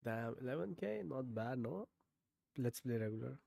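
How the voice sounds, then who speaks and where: A man's voice: medium pitch, animated, moderate pace, creaky, mellow, dry recording. A man streaming a guessing game, thinking aloud with frequent swearing and sudden bursts of disbelief. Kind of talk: casual game commentary.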